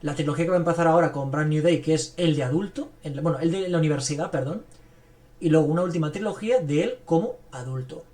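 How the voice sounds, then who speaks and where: Fast and a little mellow, this slightly high male voice comes from a podcast host eagerly chatting about films. He rambles in a relaxed review style, leaning heavily on fillers.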